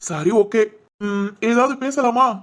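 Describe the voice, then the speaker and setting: A woman voicing a caring young policeman who gently comforts a crying friend in an audio drama. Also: a little high, lively intonation, takes it slowly. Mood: comforting. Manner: gentle and reassuring.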